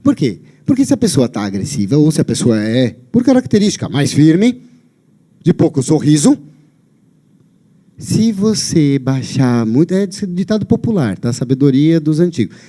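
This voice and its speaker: A man's voice: a little high, sing-song, normal speed, mellow. A man with a Brazilian Portuguese accent giving a live lecture on a lapel mic, emphatic and often checking in with his audience. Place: lecture venue.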